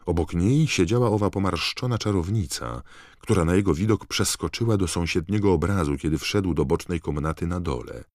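A man narrating an audiobook in a measured, dramatic storytelling manner. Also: low voice, a little mellow, no echo, studio quality. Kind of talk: scripted narration.

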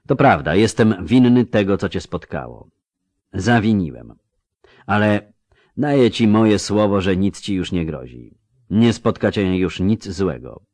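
A man voicing a stern, commanding middle-aged emperor who asks curt, sharp questions. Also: deep voice, no echo, heavily acted. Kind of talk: audiobook character voice.

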